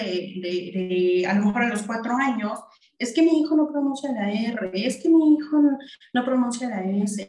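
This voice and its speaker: A woman's voice: on the high side, a little mellow, roomy sound, rough recording. A woman with a Mexican Spanish accent giving a video conference talk as a language specialist, chatty, with many fillers and restarts. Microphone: video call.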